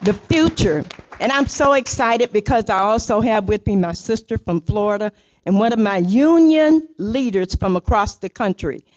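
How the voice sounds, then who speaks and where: A woman's voice: medium pitch, animated, moderate pace, darkish tone. An older woman accepts an award and speaks off the cuff, emotional and building to rousing emphasis. Her voice sits mid-range, and the recording is dull and a little muffled. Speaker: award honoree giving acceptance speech. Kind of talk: heartfelt acceptance speech.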